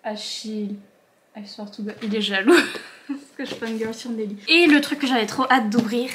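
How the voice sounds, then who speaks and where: Bubbly young woman gushing over books. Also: slight background noise. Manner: bubbly and gushing, quick bursts of excitement; talks to her dog in a higher voice. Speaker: book vlogger. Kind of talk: casual unboxing vlog. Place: at home.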